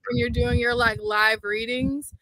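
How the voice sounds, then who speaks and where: A woman chatting on a casual talk show, enthusiastic and quick to exclaim. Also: on the high side, steady tone, sharp tone, no echo, rough recording. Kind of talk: casual chat.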